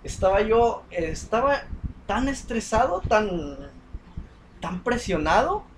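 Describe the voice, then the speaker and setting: A man's voice: high voice, expressive, takes it slowly, slight background noise, rough recording. A young man telling a story in casual chat, with many fillers and restarts. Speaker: podcast co-host.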